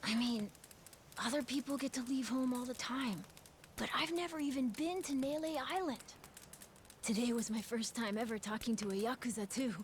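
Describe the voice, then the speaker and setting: In a video game cutscene, a woman voices a plucky, curious island child, sounding offhand, earnest, youthful, and casual, with an eager yet wistful mood. Her fairly high voice moves at normal speed and sounds close to everyday speech, with a little hiss or hum. Music plays clearly behind the dialogue.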